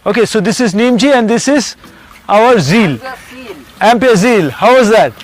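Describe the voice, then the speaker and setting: High-voiced Malayali man mixing Malayalam and English. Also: extremely slow. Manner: mixes Malayalam and English, addresses viewers directly. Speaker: vlog presenter. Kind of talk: casual vlog demonstration.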